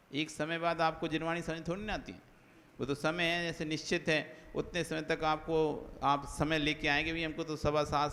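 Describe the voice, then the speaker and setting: A man's voice: on the high side, fairly bright tone. A man giving a conversational sermon as a Jain monk, listing examples one after another and asking rhetorical questions. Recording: long hall reverb.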